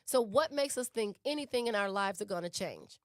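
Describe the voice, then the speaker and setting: A woman's voice: medium pitch, expressive, fairly quick, no room sound, studio quality. A woman co-hosting a relationship talk show who speaks emphatically, repeats her key points and asks rhetorical questions. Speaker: relationship podcast co-host. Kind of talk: conversational teaching talk.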